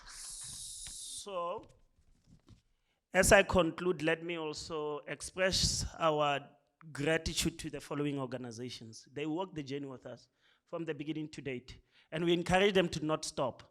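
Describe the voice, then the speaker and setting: A man's voice: a little high, a little slow, fairly bright tone. A man with a South African accent giving a conversational speech at a programme launch, often tagging his lines with "right?". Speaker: speaker.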